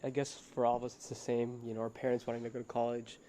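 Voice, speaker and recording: A nineteen-year-old man co-hosting a casual podcast, asking quick, teasing questions. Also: mid-range voice, completely flat delivery, dark tone, slight background noise. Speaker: podcast co-host. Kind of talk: casual chat.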